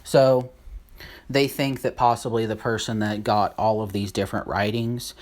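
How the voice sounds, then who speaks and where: A host giving a casual Bible lesson while writing on a board, halting and unsure of names, thinking aloud as they go. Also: medium pitch, fairly even intonation. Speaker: Bible study video host.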